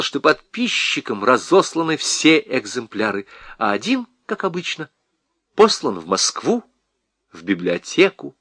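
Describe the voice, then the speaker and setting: Expressive male audiobook narrator, slow and lively. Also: on the high side, no echo. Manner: expressive, theatrical reading.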